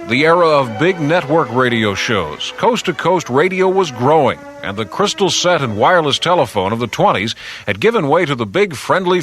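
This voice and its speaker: A man's voice: medium pitch, a bit bright. An American man reading scripted narration for a radio documentary.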